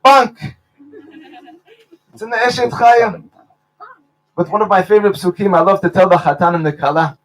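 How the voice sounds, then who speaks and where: High-voiced man giving a wedding speech. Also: fairly even intonation, a little fast, poor audio. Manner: warm storytelling with Hebrew blessings. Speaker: wedding officiant. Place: wedding venue under a chuppah.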